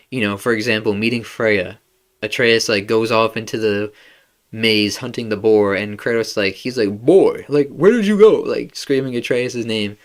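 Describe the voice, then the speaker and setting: A podcast host with a somewhat low male voice chats loosely about a game. He talks in a relaxed, slangy way and fills his sentences with "like" and "bro". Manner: laid-back slangy talk full of "like" and "bro". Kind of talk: casual video game discussion.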